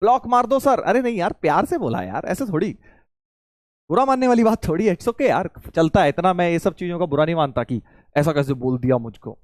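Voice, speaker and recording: A man teaches maths to an online class in a high voice that rises and falls a lot. He is playful and teasing with his students and drags out key steps slowly. The sound is dry, with no room echo. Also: animated, darkish tone. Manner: slows right down to spell out steps.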